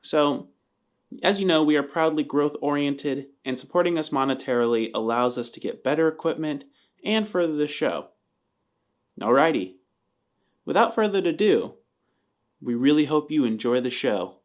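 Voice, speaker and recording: A man with a fairly high, expressive voice, working as a game master and podcast host, speaks directly to the listener at a moderate pace. He opens with a podcast announcement and then slowly narrates a scripted scene, with music playing underneath.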